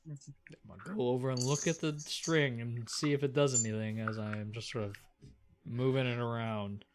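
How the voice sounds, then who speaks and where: A man's voice: mid-range voice, fairly even intonation, moderate pace. A man playing a tabletop game, talking in a hesitant, laid-back way full of "like". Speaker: player. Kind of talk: casual tabletop play.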